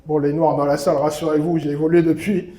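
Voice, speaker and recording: A man's voice: a little high, level tone, fast, mellow. A young man from Seine-et-Marne in France, doing a self-mocking stand-up set on a comedy club stage. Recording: roomy club echo.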